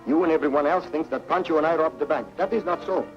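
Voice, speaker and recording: An actor playing a charming, gallant male hero who talks in smooth, flowery compliments. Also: fairly high pitch, fast, lightly acted. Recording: dull old TV soundtrack with music.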